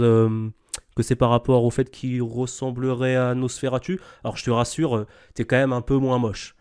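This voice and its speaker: A man's voice: medium pitch, dark tone. A man giving informal, off-the-cuff reaction commentary, scornful and lecturing, checking in with short tag questions. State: sick.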